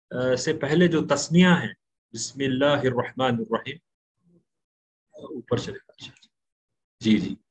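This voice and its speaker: Patient man teaching Quran recitation online. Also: medium pitch. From India. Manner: patient, slows down to spell out recitation rules. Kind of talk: online tajweed class.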